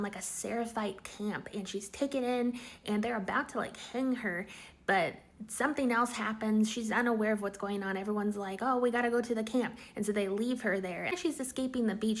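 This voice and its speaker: A woman recapping a TV episode in a casual, chatty way, full of "like" fillers and quick quoted lines. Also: on the high side. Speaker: TV recap vlogger.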